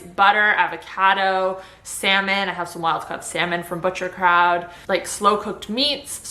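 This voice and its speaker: Woman, bright forceful voice, casual vlog chat, upbeat and informal, roomy echo. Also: medium pitch. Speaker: vlogger sharing surgery recovery tips.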